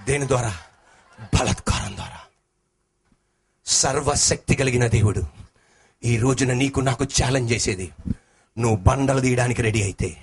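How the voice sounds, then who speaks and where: This pastor's husky voice swings from shouted, sing-song lines down to lower talk as he preaches, urging the congregation to respond.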